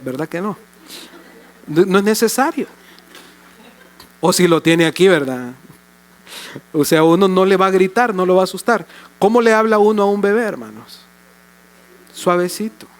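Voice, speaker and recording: An older man preaching a sermon as pastor in a church, fervent at times and soft and tender at others. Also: sits high.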